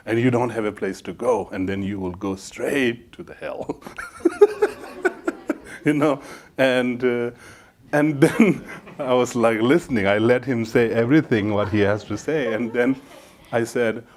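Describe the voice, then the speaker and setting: A male Buddhist teacher giving a dharma talk, speaking haltingly with many fillers and laughing often at his own story. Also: medium pitch, a little mellow.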